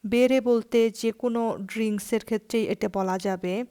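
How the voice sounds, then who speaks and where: A woman teaching a language lesson, explaining each word and then saying the example phrases very slowly and clearly. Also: on the high side, steady tone, dark tone, no echo, studio quality. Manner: spells out foreign words slowly, then repeats them.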